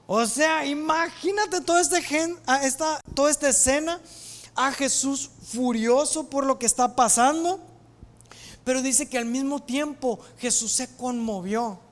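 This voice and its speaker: A woman preaching a sermon, retelling scripture as animated storytelling and acting out its voices. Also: high voice, a little slow.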